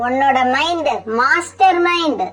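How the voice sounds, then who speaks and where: A woman's voice: high voice, measured pace, fairly bright tone, soft background music. A woman voicing a scheming, jealous female bird in a cartoon who sneers and taunts. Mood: sly. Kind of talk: cartoon voice acting.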